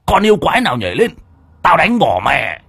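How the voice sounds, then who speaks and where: A man voicing an excitable older male ghost-hunting master in an audio story, flustered and repeating himself. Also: fairly high pitch, brisk, gravelly, husky, dry recording, voice pushed up, heavily acted. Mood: frantic shouting.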